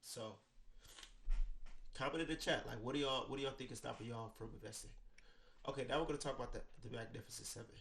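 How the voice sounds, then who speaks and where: A man's voice: mid-range voice, fast talker, vocal fry, pauses often, a bit bright, a little hiss or hum. A man with an American accent and a stuffy nose from a cold, casually explaining finance topics into a desk microphone. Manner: loose and conversational, many "right?" tags. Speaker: finance educator. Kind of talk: casual explainer talk to camera. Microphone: studio microphone with headphones.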